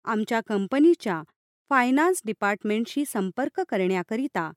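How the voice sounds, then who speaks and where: Lively, high-pitched female customer service voice. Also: normal speed, dry recording, studio quality. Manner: polite, formal customer service delivery. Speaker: IVR phone menu announcer. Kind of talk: scripted phone greeting in a customer service voice.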